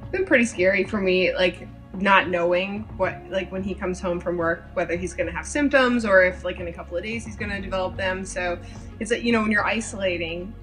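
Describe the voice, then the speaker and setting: A woman speaking with worry, halting and full of fillers. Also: fairly low pitch, a bit bright, faint music behind, rough recording. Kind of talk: casual testimonial.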